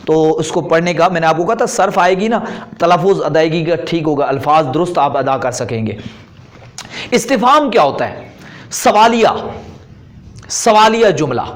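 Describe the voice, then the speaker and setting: A man with an Urdu accent giving a classroom grammar lecture, explaining patiently and repeating terms slowly. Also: high-pitched. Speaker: Arabic grammar teacher.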